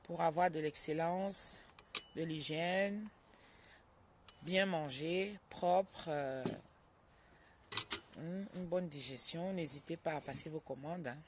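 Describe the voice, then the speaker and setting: A woman's voice: low voice, slow, long pauses, noisy background. Chatty woman live-streaming from home. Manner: chatty, greets viewers by name, scolds a crying child aside. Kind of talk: casual live-stream chat.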